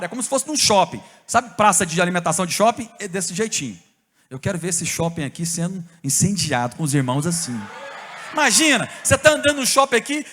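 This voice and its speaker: High-pitched Brazilian preacher in echoing hall. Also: male voice. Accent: Brazilian Portuguese. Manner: animated storytelling preacher, bursts of shouting and tongues. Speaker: pastor. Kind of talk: sermon.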